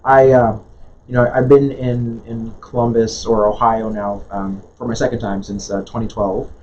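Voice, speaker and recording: A Jamaican-born man appears as a guest in an interview, a nonprofit leader speaking earnestly with many restarts and fillers. His mid-range voice is flat and somewhat dark, moving at a moderate pace. The recording is dull and lo-fi with faint noise.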